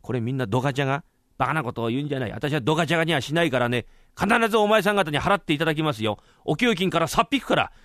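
A man voicing a stingy old merchant master in a rakugo story, low and lecturing. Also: animated, racing, a bit bright, no echo, clean studio sound. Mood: scolding.

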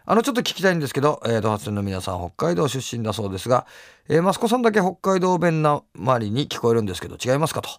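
Gruff Hokkaido radio host with a gravelly voice. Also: male voice, mid-range voice, sing-song, very fast, no room sound, clean studio sound. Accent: Hokkaido Japanese. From Hokkaido, Japan. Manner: gruff, blunt, teasing. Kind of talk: casual radio chat, reading listener mail.

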